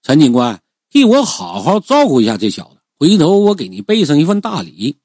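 A man voicing a menacing, arrogant rich middle-aged boss who sneers his threats in a husky, lowered voice. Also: wildly swooping pitch, a little fast, a little mellow, no echo, studio quality. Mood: furious.

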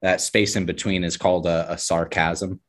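A man's voice: low voice, little pitch movement, normal speed. Giggly joking man at a game table. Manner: jokey, giggly. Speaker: player. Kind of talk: casual tabletop play.

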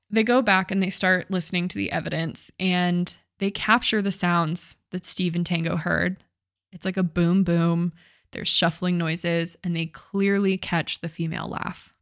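A woman's voice: fairly low pitch, steady tone, unhurried, fairly bright tone, no room sound, clean studio sound. A young woman co-hosting a podcast, retelling a ghost story in casual chat, swearing and using many fillers. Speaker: podcast co-host.

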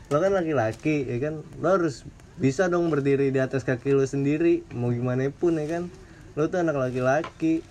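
Young male co-host, slang, joking, reads comments aloud, slightly high voice, faint room noise. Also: a little fast, a little mellow. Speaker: podcast co-host. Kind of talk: casual group chat.

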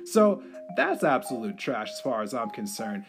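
A man's voice: medium pitch, sing-song, moderate pace, gravelly, over music. A man co-hosting a podcast, ranting emphatically in casual chat. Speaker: podcast co-host.

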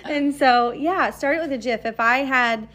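A woman co-hosting a podcast in casual chat, chatty and quick to laugh, often restarting her sentences. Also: high-pitched, a bit bright. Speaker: podcast co-host.

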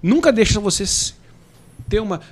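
A man from Brazil in casual chat, animated and joking, often mimicking people. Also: high voice, moderate pace.

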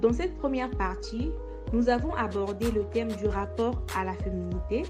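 Moderator: woman, mid-twenties, measured, hesitant restarts, roomy recording over music. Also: on the high side. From Congo. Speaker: discussion moderator. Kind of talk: podcast group discussion.

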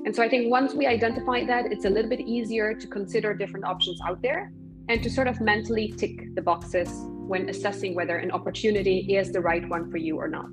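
A woman from Poland, a recruitment professional, answering interview questions in a measured, thoughtful way with frequent ums. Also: medium pitch, fairly even intonation, music in the background, poor audio.

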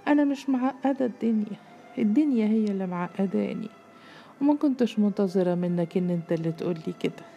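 A woman's voice: on the low side, a little fast, vocal fry, pauses often, dark tone, dull audio. A woman voicing a hurt, defiant Egyptian girl of seventeen. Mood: reproachful. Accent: Egyptian Arabic. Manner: pleading, reproachful. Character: earnest 17-year-old girl, hurt and defiant.

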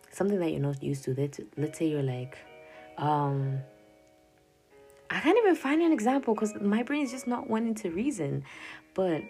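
A young woman with a low, warm voice hosts a casual podcast, reading loosely from her journal. Swahili is her first language; she rambles, interrupts herself, laughs a lot and says "yada yada," with faint music in the background.

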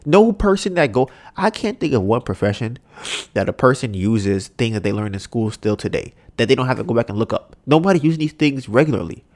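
Here a young man hosts a podcast in a brisk, casual solo rant, sounding congested and nasal. Swearing runs throughout, and he mimics people in squeaky fake voices with lots of energy. The recording is dry.

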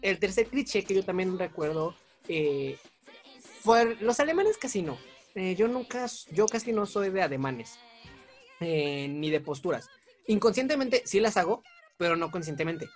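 A man's voice: high voice, big pitch swings, moderate pace, soft background music. A young man with a Mexican accent, chatting as an interview guest, talkative and self-mocking, laughing often. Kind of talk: casual chat.

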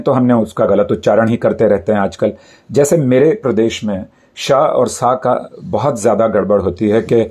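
A man teaching grammar, speaking slowly and deliberately and drawing out each sound as an example. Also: mid-range voice, warm tone, breathy edge. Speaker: Hindi teacher. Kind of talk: grammar lesson.

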